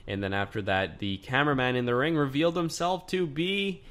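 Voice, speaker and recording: A man hosting a podcast, talking through a casual solo review in a chatty, excitable way with lots of fillers. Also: medium pitch, a little fast. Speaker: podcast host.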